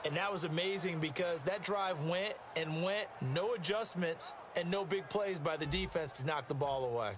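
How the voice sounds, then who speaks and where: A man's voice: fairly high pitch, normal speed, few pauses, natural voice. A man with an American accent playing a football color commentator in a video game, explaining plays in a folksy way. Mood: analytical. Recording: loud game noise behind voice.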